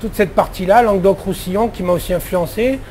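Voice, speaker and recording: A man's voice: high-pitched, fairly quick, a little mellow, slight background noise. A middle-aged man answering interview questions as a head chef, talking casually with many fillers and restarts.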